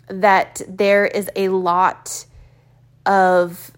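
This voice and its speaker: A woman in her early forties talking candidly in a reflective personal vlog, thinking aloud with pauses and fillers. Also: medium pitch. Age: 40s. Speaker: vlogger.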